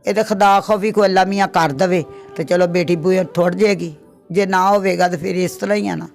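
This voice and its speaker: Middle-aged woman, plaintive, repetitive, gravelly, soft music behind. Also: fairly low pitch, fairly even intonation, a little fast. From Pakistan. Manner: plaintive, repeats her complaints. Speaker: interviewee. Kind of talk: emotional interview testimony. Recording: faint background music.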